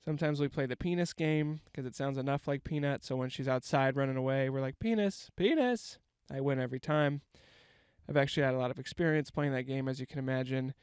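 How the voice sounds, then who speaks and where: A man's voice: medium pitch, little pitch movement, fast, darkish tone, smooth, no echo. A young man with a stuffy, congested voice hosts a rambling, self-mocking comedy podcast from inside a parked van on a handheld mic. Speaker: podcast host. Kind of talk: casual comedic monologue. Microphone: handheld microphone.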